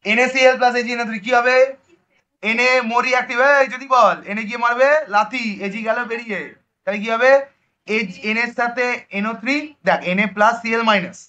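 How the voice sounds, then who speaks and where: High-voiced male chemistry teacher. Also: normal speed, lo-fi sound. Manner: lively, coaxing, keeps checking students understand. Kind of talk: classroom lecture.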